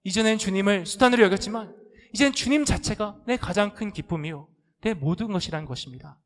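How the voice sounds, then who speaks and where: Male pastor, high pitch, preaching in a church hall with long reverb; questions the flock, voices pleading prayers. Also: fairly quick. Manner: acts out complaining prayers with rising, pleading intensity; asks the congregation direct questions. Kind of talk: sermon. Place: church sanctuary.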